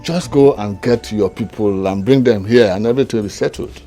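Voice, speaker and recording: An actor playing a pleased, generous middle-aged uncle, speaking slowly. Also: male voice, fairly low pitch, mellow, faint music behind, close to an everyday voice. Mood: approving. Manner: slow, approving. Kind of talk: Nollywood film acting.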